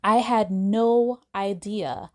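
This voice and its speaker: A woman's voice: medium pitch, steady tone, very slow, darkish tone. A woman hosting her own podcast, retelling a film scene in a casual, chatty way with asides to her listeners. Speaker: podcast host. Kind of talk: casual storytelling monologue.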